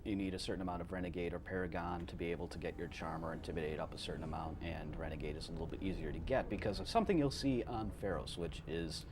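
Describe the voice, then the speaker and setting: A man's voice: low voice, fairly even intonation, fast talker, hardly any pauses, background noise. A man playing a game live and talking casually about it in a dry, offhand way. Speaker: speedrunner. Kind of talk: casual commentary while playing.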